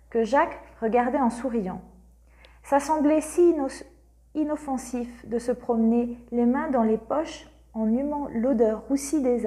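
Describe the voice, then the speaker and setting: A woman narrating a literary audiobook in a measured, expressive way. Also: a little high. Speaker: audiobook reader.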